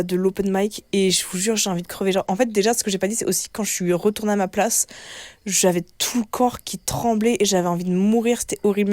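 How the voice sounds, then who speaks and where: A woman's voice: medium pitch, a little mellow, no room sound. Chatty young French woman vlogging. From France. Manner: chatty, slangy, self-mocking, many fillers. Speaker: travel vlogger. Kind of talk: casual vlog talk to phone. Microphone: phone held by hand.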